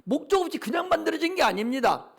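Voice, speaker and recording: A man's voice: extremely high pitch, very animated, fast, gravelly. A male pastor preaching a Sunday morning sermon, emphatic and full of rhetorical questions he answers himself.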